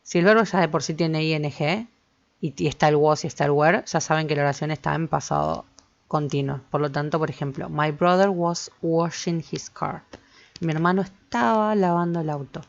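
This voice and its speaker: Casting: low-voiced woman teacher, patient, checks in often; gravelly edge. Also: fairly even intonation, moderate pace. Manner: patient, repeats points and checks with "¿sí?". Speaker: English teacher. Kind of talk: explaining grammar to students. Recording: slightly dull lo-fi recording.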